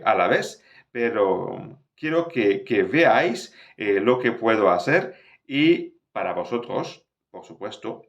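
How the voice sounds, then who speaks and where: A man who is a native French speaker teaching French in Spanish, explaining slowly and pausing often with fillers. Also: lowish voice. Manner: slow, explanatory, many hesitations. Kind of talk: online language lesson.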